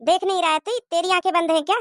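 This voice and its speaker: Bossy cartoon mother-in-law , played by a woman, nagging and taunting. Lower than the performer's own high voice, dry recording. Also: fairly even intonation, racing, no room sound. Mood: scolding.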